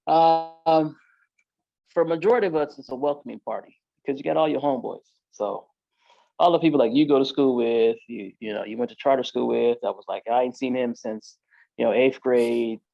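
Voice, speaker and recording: A man's voice: mid-range voice, normal speed, vocal fry, dry recording, lo-fi sound. A man, a podcast guest, telling his own story in casual street slang, full of "like" and "you know".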